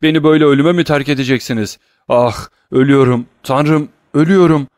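A man's voice: lowish voice, steady tone, normal speed, dry recording, studio quality, natural voice. A man voicing a dying old male servant who gasps and pleads in agony. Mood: agonized. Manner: gasping, pleading, anguished.

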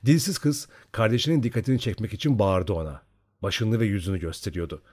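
A man narrating an audiobook in an expressive storytelling manner. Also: on the low side, fast talker.

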